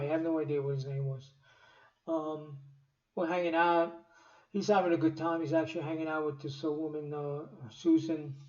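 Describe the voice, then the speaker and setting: A man's voice: fairly high pitch, a little mellow. A man tells a story in a loose, rambling way, swearing often and stopping to restart his sentences. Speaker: storyteller vlogger. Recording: echoey, distant, dull home recording.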